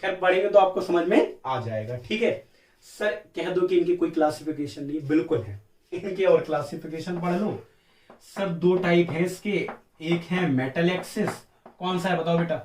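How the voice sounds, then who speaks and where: His voice sits high and a touch mellow, moving at a moderate pace through a classroom chemistry lecture. He plays both teacher and students, asking, answering and echoing key terms, with frequent uses of "beta" and "sir," all captured off-mic from a distance in a room full of echo.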